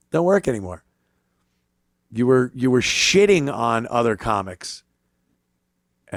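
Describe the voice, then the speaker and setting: A man's voice: medium pitch, no room sound, clean studio sound. A man hosting a talk show, giving a casual opinion monologue in a blunt, profane, jaded manner. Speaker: talk show host, comedian.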